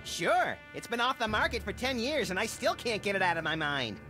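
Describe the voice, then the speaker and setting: An actor voicing a small, manic, mischievous cartoon rabbit in a comedy video game. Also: male voice, high-pitched, big pitch swings, fairly quick. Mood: gleeful. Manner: mischievous, gleefully morbid. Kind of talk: animated comedy adventure game dialogue. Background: music.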